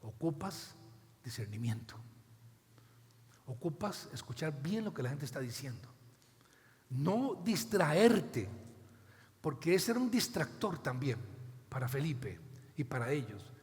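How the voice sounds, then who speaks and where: A man preaching a sermon as a pastor, dramatically acting out biblical dialogue with big swings in loudness, with a Costa Rican accent. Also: fairly high pitch, big pitch swings, unhurried, pauses often. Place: church hall. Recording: long church reverb.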